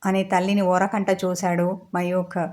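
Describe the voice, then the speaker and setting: A woman storyteller reading a romance story aloud in a steady, even way. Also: lowish voice, unhurried.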